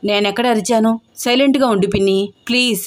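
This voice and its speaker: A woman's voice: a little high, steady tone, brisk, soft background music, lightly acted. A woman voicing an earnest young man, frustrated and pleading with his family. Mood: exasperated.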